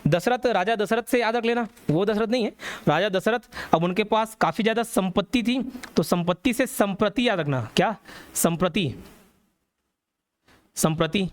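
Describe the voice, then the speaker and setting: A man's voice: sits high, normal speed, no room sound. A man teaching a classroom history lecture, telling the story and quizzing students as he goes. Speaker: exam coaching teacher.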